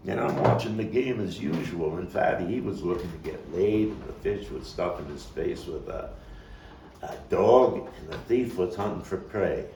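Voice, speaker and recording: An actor and playwright reads his own dramatic monologue at a table read, playing a Brooklyn man recalling a violent boyhood. He's halting and deliberate, with repeats and weighty pauses, his low, dark voice tense and urgent with lively intonation. The mic is distant and roomy, with faint background noise.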